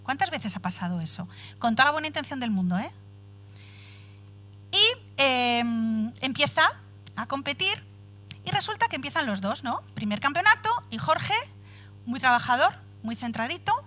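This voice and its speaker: A woman's voice: sits high, normal speed, long pauses. A woman in her forties giving a motivational talk, addressing the audience directly and telling a personal story with acted-out dialogue. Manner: animated storytelling, acts out dialogue. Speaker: speaker at a women's empowerment event.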